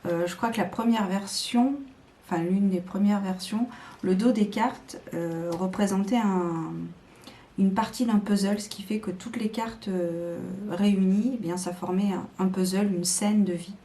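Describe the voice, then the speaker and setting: A woman's voice: mid-range voice, steady tone, measured pace, mellow. A woman showing tarot decks to camera in a casual, hesitant chat full of fillers and restarts. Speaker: tarot video creator.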